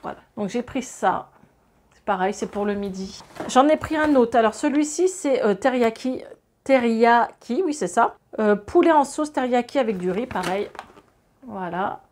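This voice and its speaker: A woman in her thirties from France, chatting casually to camera about her groceries, lively with many fillers and asides to viewers. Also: on the high side, normal speed, slight background noise. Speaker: grocery haul vlogger and mother.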